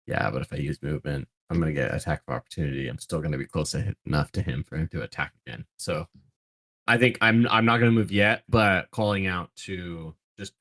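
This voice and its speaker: A man's voice: very deep voice, a little fast, a bit bright. A man playing a tabletop game over an online call, talking in a playful, chatty way. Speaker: player. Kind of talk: casual tabletop role-play.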